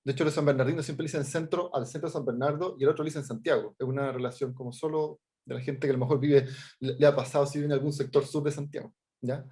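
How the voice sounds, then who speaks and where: Here the middle-aged Chilean man sounds mid-range, steady and warm. He is an artist and teacher informally presenting his work in a workshop talk over video call, and he speaks haltingly, with many fillers and restarts, often checking in with "¿ya?".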